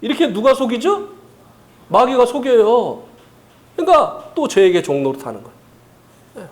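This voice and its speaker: A male pastor preaching a sermon with a high, lively voice that swoops up and down. He keeps checking in with the congregation and now and then acts out a coaxing, tempting voice. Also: normal speed. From South Korea.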